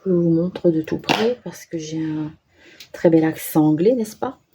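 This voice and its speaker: Woman, craft vlog narration, unhurried and hesitant, lowish warm voice, light hiss behind. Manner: hesitant, thinking aloud with fillers and self-deprecating asides. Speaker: craft vlogger. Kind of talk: casual crafting commentary.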